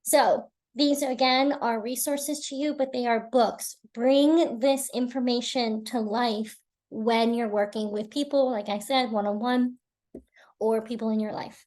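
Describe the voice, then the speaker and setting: A woman's voice: on the high side, fairly even intonation, a little slow, a little mellow. A woman giving a live webinar presentation over a video call, earnest and encouraging, often repeating words for emphasis.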